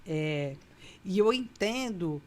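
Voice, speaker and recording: A woman's voice: fairly low pitch, animated, slow pace, a little mellow. A woman with a Brazilian accent who hosts a podcast, chatting frankly and telling personal anecdotes. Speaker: podcast host. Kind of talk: casual podcast chat.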